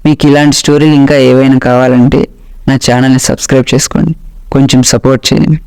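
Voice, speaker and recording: A man narrating a first-person ghost story as a storyteller, dramatic and slowing down for suspense. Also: medium pitch, level tone, darkish tone, clean tone.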